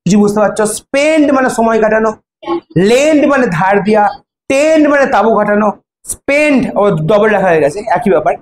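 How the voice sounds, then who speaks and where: A woman's voice: medium pitch, expressive, fast talker, a little mellow, a little hiss or hum. A woman teaching an English grammar class in Bengali, spelling out verb forms letter by letter and checking with her students. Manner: spells words letter by letter, asks students questions. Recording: echoey room with faint ambience.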